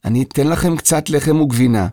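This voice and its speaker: A man's voice: fairly high pitch, mellow, no room sound, clean studio sound, voice pushed up, close to an everyday voice. A man voicing a polite, earnest young boy composer in a children's audio story. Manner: polite, earnest, slightly prim.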